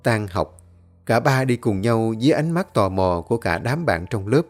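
A man narrating a ghost story in a steady storytelling manner. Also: fairly low pitch, moderate pace, faint music behind.

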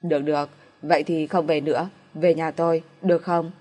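A gentle young man in love speaks in a soft, coaxing way, read by a woman narrating an audiobook. The voice sits low and calm. He stays patient and tender. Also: brisk.

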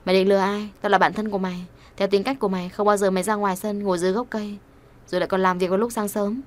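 A woman's voice: mid-range voice, flat delivery, racing, natural voice. A woman voicing a protective young man who presses his best friend with insistent questions in an audio story.

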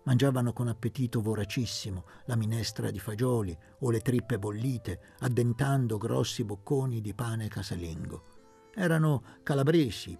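A man reading a literary novel aloud as narrator, measured and expressive. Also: medium pitch, creaky, husky. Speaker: audiobook reader.

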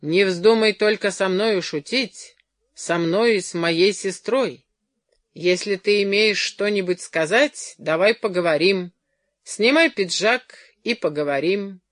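A reader voicing a loud bullying brother. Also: mid-range voice, takes it slowly, no room sound, clean studio sound. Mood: threatening. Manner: loud, threatening, blustering. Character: hot-tempered bullying brother, grown man. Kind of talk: audiobook character voicing.

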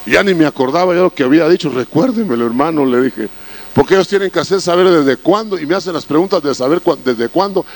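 A man's voice: fairly high pitch, animated, quick pace. A man preaching a sermon in a homely, anecdotal way. He strings together personal stories and keeps addressing his listeners as brothers. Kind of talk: sermon storytelling.

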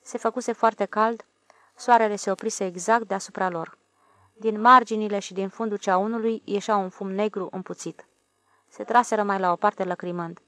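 Calm woman reading a novel. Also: mid-range voice, no room sound. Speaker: audiobook narrator. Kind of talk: literary audiobook narration.

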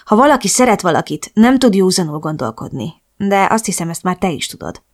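A woman's voice: lowish voice, big pitch swings. A woman voicing a young man, the heroine's devoted best friend, in an earnest, reassuring way.

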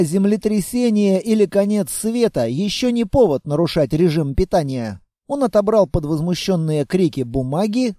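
A man narrating an audiobook in a lively, playful storytelling manner. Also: high-pitched, dry recording, studio quality.

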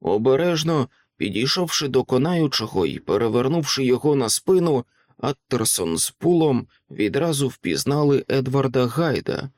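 A man narrating an audiobook in a dramatic, expressive reading style on a close microphone. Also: medium pitch, no room sound. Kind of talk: scripted literary narration.

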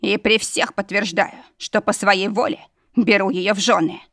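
A brusque, smirking demon lord who barks orders and mocks everyone around him, read by a woman. His voice sits in a middling register, gruff rather than loud, delivered in a dry, close storybook reading. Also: mid-range voice, steady tone, moderate pace, no room sound, lightly acted. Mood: smug. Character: arrogant mocking male demon lord, brusque.

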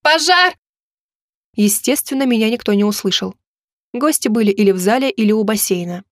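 A woman reading a romance novel aloud in expressive first-person narration. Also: medium pitch, quick pace, no room sound, studio quality. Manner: expressive storytelling delivery. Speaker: audiobook narrator.

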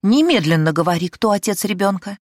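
A woman's voice: on the low side, moderate pace, dry recording, clean studio sound, natural voice. A woman voicing a capricious young noblewoman in an audiobook, with a demanding, sarcastic manner. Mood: insistent.

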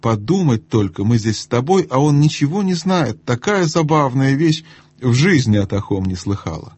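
A man's voice: mid-range voice, animated, moderate pace, a little mellow, husky, no echo, pitched above the performer's own voice. A man voicing a vain, chattering young noblewoman who gushes languidly over trifles in an audiobook. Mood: gushing.

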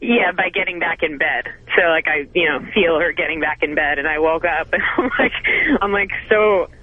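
A woman's voice: deep voice, moderate pace. Give me a giggly woman calling in to a radio show, her voice coming through a narrow, tinny phone line. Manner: chatty, gushing, giggles between sentences. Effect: call-in radio caller heard over a phone line. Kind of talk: casual storytelling.

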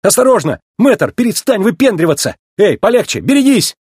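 A man voicing a cocky young race car in a storybook reading, with a quick, eager, husky voice. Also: a little high, lively intonation, darkish tone, no room sound, clean studio sound, pitched above the performer's own voice. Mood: flustered.

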